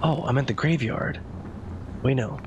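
In his thirties and streaming a horror game, this man swears freely through nervous, casual live commentary. He speaks at a moderate pace in a medium-pitched voice, the highs are cut off, and the game's ambient sound is clearly heard behind him.

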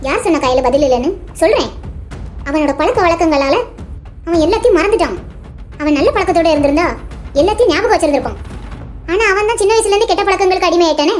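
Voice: very high voice, lively intonation, fast, pauses often, soft background music. A performer voicing a friend in a cartoon who lectures and presses for answers. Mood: lecturing. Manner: lecturing, insistent. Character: young friend Sakthi, preachy advice-giver. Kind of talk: cartoon voice acting.

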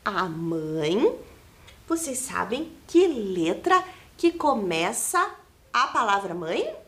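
A woman whose fairly bright voice sits on the high side teaches young children with a Brazilian Portuguese accent. Working as a primary school teacher in a televised-lesson classroom studio, she spells letters and syllables and constantly asks the class questions.

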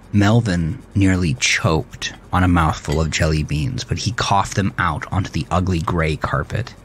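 Slow, low-voiced male narrator. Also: a little hiss or hum. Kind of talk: scripted audio drama narration.

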